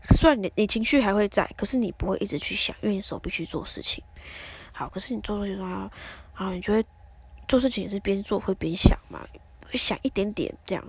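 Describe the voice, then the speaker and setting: A woman's voice: medium pitch, gravelly, husky. A woman, hosting a podcast and telling a personal story as advice, acting out both sides of a quarrel. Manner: chatty storytelling, acts out quarrels. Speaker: podcast host.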